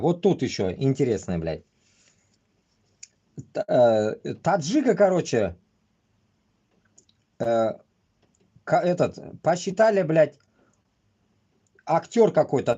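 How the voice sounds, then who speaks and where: A man rambles on a livestream, swearing constantly and bluntly in halting, choppy phrases. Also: a little high, dark tone, breathy edge, lo-fi sound. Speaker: livestream host. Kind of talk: casual rambling live commentary.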